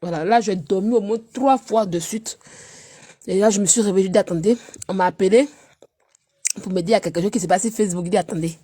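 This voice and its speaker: Her voice has a breathy edge as she talks fast on a casual stream despite a cold. One moment she's teasing loudly, the next she's murmuring low.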